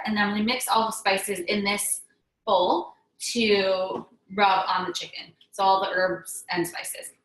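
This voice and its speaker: In a low-quality, roomy recording with slight background noise, a young native Hebrew speaker runs a casual cooking demonstration in a home kitchen. Her mid-range voice is a bit bright, and she chats with enthusiasm, often saying um and starting over.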